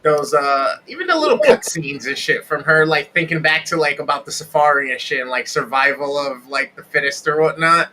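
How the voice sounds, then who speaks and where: A man's voice: on the high side, expressive, fairly quick, hardly any pauses, sharp tone, slight background noise. A man co-hosting a casual movie podcast, talking loosely with slang and trailing off. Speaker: podcast co-host. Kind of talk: casual chat.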